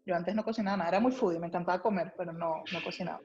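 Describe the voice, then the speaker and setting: She races along in a low-leaning, darkish, steady voice, over lo-fi sound with slight background noise. The speaker is a young Venezuelan woman and food writer with a Venezuelan Spanish accent, chatting about her life as a guest in an informal interview.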